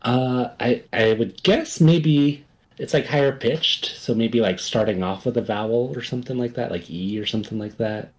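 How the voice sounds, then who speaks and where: A man's voice: medium pitch, normal speed, a little mellow. A man guesting in a casual chat, thinking aloud hesitantly while guessing sounds.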